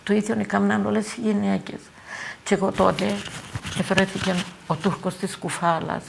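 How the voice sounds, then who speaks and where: An older woman with a Cypriot Greek accent giving halting eyewitness testimony, repeating words and phrases as she talks. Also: medium pitch, steady tone, creaky, noisy background. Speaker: eyewitness interviewee.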